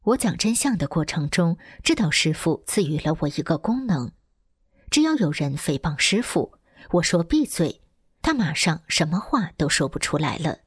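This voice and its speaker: A woman with a low, slightly husky voice reads a first-person account in a steady, earnest way. Her intonation rises and falls in wide swings. The recording is dry and close, with no room echo. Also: moderate pace. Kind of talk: first-person testimony narration, read aloud.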